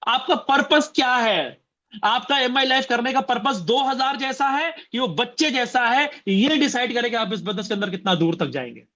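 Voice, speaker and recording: High, bright-voiced man giving a motivational talk. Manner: repeats phrases and fires rhetorical questions at the audience. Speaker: motivational business trainer. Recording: dull lo-fi recording.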